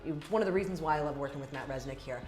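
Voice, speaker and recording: A woman's voice: sits low, rapid-fire, darkish tone, echoey room. A young woman from Rhode Island, a real estate agent answering interview questions in an upbeat, agreeable way. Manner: upbeat, agreeable, says "absolutely" often.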